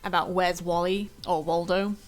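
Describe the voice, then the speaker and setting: Talking to her stream audience from home, a young woman rambles casually and self-deprecatingly, her lowish voice level in tone and moderately paced. There is faint music in the background.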